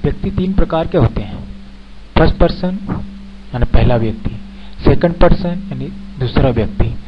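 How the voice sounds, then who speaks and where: A man's voice: fairly high pitch, animated, moderate pace, music in the background. A man teaching a beginner English grammar lesson, explaining each point step by step and repeating example words. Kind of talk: slow spoken grammar lesson. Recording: dull lo-fi recording with faint background noise.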